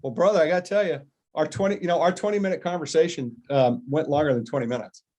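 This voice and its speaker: An American man in fast, upbeat conversation as a podcast host, piling on jokes and enthusiasm. His voice sits a bit high, and he talks quickly with loose, rambling restarts. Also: mellow. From United States. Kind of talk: casual chat.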